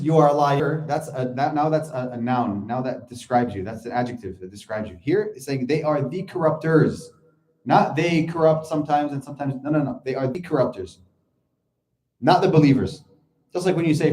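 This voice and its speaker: Man, lecture, fast, echoey room, explains step by step. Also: a little high, warm tone. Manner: explains step by step, repeats points for emphasis. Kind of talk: Quran commentary lecture.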